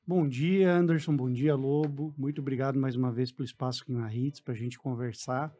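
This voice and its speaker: With a warm, steady mid-range voice and a slightly quick pace, a man in his forties tells his story casually. He has a southern Brazilian accent and is being interviewed as a guest in a radio studio.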